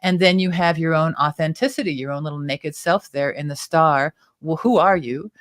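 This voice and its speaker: A woman's voice: sits low, normal speed, dry recording, clean studio sound. A woman hosting a tarot talk show, chattily explaining the cards and their symbols at length. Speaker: tarot reader and show host.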